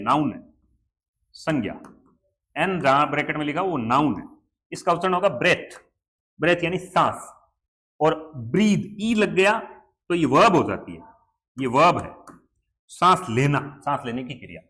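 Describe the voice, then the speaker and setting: A man's voice: on the high side, fairly bright tone. A man with an Indian accent teaching an English chapter in Hindi, going word by word and asking and answering his own questions.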